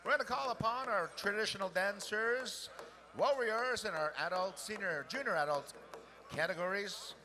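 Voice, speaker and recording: A man working as a powwow emcee, announcing and calling up dancers and drum groups, moving between relaxed notices and hyped, drawn-out calls. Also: high voice, slight background noise.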